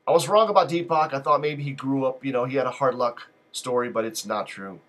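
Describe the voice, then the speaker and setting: Man, husky voice, bright tone, slightly raised pitch, rambling live-stream host, joking asides. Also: brisk. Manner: digressive, loose and joking. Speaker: live call-in show host.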